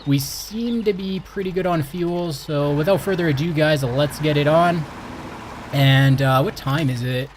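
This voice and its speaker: A young man from Canada hosting his gaming channel, chatting excitedly and exclaiming as he plays. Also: fairly high pitch, unhurried, background noise. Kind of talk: casual game commentary.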